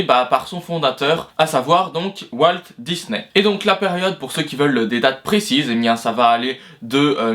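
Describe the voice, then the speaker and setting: A man with a fairly high voice walks the listener through history in a loose, chatty way, with plenty of filler words. He restarts sentences often and drops in self-mocking jokes. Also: fairly bright tone. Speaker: video host. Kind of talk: casual explainer narration.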